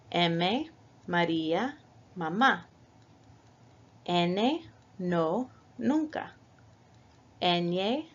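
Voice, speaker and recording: A woman teaching a Spanish language lesson, going through the alphabet letter by letter and patiently spelling out each example. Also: lowish voice. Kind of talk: slow, careful language lesson. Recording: dull lo-fi recording.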